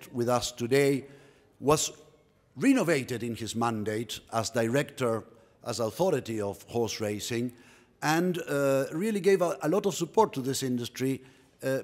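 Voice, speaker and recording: A man's voice: mid-range voice, darkish tone. Middle-aged man, English; executive's earnest welcome address from a podium mic, long hall reverb. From Uruguay. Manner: earnest, proud, repeats words while searching for phrasing. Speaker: company executive giving a welcome speech. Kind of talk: formal welcome speech. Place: indoor press room at a podium. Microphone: podium microphone.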